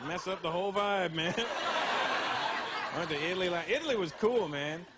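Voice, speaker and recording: A male stand-up comedian telling animated stories with many asides to the audience. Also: high-pitched, moderate pace, very noisy. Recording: live comedy show, loud crowd laughter.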